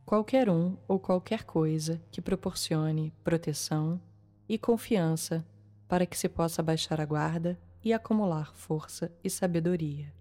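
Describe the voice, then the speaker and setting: A Brazilian woman leading a guided meditation in a calm, soothing manner, leaving long pauses between short phrases. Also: lowish voice. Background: soft music.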